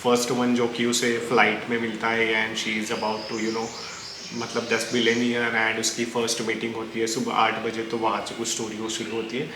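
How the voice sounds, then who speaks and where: Racing along in a fairly low, completely flat voice, an Indian-accented man reviews book recommendations casually and with opinions, rambling and weaving Hindi into English. The recording comes from an echoey room with clear background noise.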